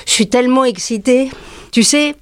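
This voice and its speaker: An actress playing an excitable, bold working-class woman in a stage play, telling a story breathlessly and acting out the other people in it. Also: high voice, normal speed, smooth, no echo, lightly acted. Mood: excited. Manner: animated, breathless gossiping, acts out every voice. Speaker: storyteller recounting to a friend.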